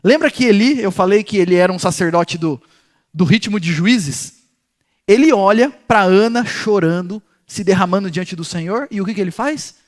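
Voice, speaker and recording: A man teaching a Bible passage in an animated storytelling way, talking directly to his listeners. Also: high voice, moderate pace. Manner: speaks directly to listeners as "gente". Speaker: pastor teaching a Bible study.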